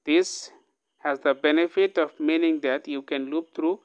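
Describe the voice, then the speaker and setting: Unhurried and smooth, this male tutor speaks at a fairly high pitch with a steady tone, though the audio sounds dull. He's recording a casual coding lesson, reading each line of code aloud and often asking "okay?".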